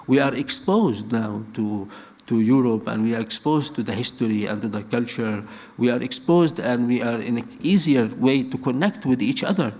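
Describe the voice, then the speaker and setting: A middle-aged man, a native speaker raised in Lebanon, gives an earnest public talk at a moderate pace in a mid-range, somewhat dark voice. He often restarts his sentences and builds his points by repeating phrases.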